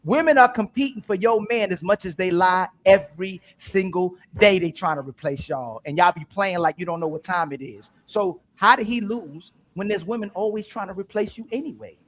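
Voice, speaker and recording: Man, panel host type, preachy delivery with loud-soft swings. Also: sits high, moderate pace, hardly any pauses. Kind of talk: heated livestream panel debate.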